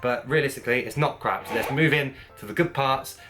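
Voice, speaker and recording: A man's voice: medium pitch, fairly quick, music in the background. A man with a Wiltshire English accent, chatting casually to viewers in a rambling, informal, blokey way as a vlogger. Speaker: vlogger, gym owner.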